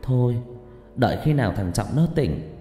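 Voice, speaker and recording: A man's voice: medium pitch, animated, normal speed, warm tone, roomy sound, long reverb tail, faint music behind, close to an everyday voice. A man voicing an older woman, a mother who comforts the girl and later wails in grief. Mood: gentle. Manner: wailing, lamenting.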